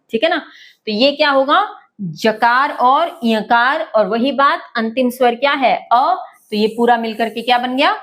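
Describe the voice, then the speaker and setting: A woman teacher with a high voice walks through a lesson step by step. She keeps asking questions and answering them herself, in a patient classroom manner. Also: fairly bright tone. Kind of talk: classroom-style lesson explaining letters step by step.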